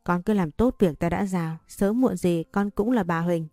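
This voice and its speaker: A woman's voice: lowish voice, normal speed, mellow, no room sound, studio quality, faint music behind, natural voice. A woman reading a cold, scheming middle-aged mother.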